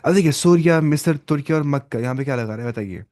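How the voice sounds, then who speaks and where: A man's voice: a little high, darkish tone, no echo. Patient male Arabic teacher, dry sound. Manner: explains slowly, switching between Urdu, Arabic and English, often repeating words. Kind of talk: online class teaching.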